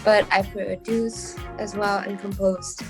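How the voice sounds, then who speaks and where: Woman musician from Thailand, mid-pitched, relaxed and giggly storyteller, music behind. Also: takes it slowly. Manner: relaxed storytelling, many fillers, giggles often. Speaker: drummer and producer. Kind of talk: casual interview chat.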